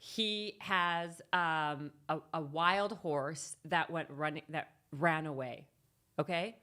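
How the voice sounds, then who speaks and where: A woman's voice: deep voice, slow. A woman guest on a podcast, casually retelling a parable with frequent restarts and laughter. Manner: animated, laughing, restarts often. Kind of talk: casual chat, telling a parable.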